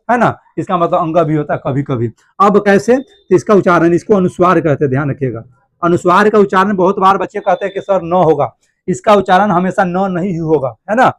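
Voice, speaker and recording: High-pitched male teacher. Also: no room sound. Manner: repetitive, asks students questions and answers them himself; affectionate address to students. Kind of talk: classroom grammar lesson.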